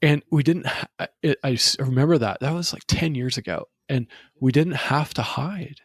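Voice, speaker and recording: A man's voice: mid-range voice, moderate pace, breathy edge, no echo. A man hosting a podcast interview, speaking earnestly with frequent stumbling restarts. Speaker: podcast host. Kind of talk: interview conversation.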